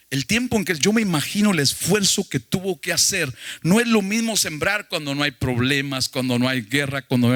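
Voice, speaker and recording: A man's voice: a little high, a bit bright, no room sound, clean studio sound. A male pastor preaching a sermon emphatically, putting questions to the congregation.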